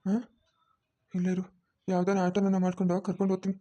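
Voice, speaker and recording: A woman voicing a worried village husband who talks low and in a hurried, plain manner. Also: completely flat delivery, warm tone, no echo, lightly acted.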